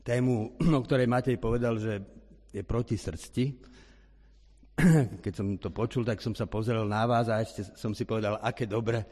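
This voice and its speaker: Male preacher, husky, animated sermon delivery, big church reverb. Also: fairly low pitch. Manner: lively and animated, clears his throat now and then. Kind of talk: sermon with storybook reading.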